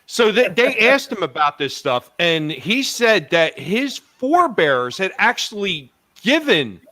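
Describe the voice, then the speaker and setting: A man's voice: high-pitched, big pitch swings, unhurried, bright, forceful tone, no echo. A man in casual group chat, ranting in a combative, profane way. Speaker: podcast panelist.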